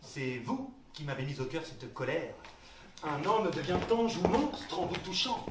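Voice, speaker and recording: A man plays a jealous young king who swings from icy restraint to roaring threats in rhymed verse. His voice sits fairly high and leaps around in pitch. He is heard from afar in a roomy theatre. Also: big pitch swings, unhurried. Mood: imperious. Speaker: stage actor. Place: theatre stage. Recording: echoey stage, distant mic, faint hiss.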